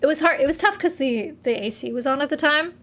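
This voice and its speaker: This young woman from Massachusetts streams from her apartment, chatting casually, giggling, and trailing off mid-sentence. Her voice is high, fast, and a bit bright.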